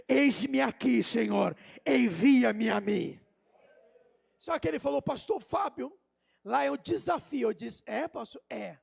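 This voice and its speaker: A man with a Brazilian accent, a pastor preaching a sermon in a church, moving between quiet storytelling and shouted crescendos. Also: very high voice, slow, vocal fry, husky. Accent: Brazilian Portuguese. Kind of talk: Pentecostal sermon.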